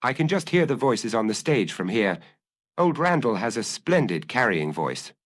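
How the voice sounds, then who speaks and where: A man's voice: medium pitch, sing-song, normal speed. A man voicing an earnest, grave theatre man who talks anxiously.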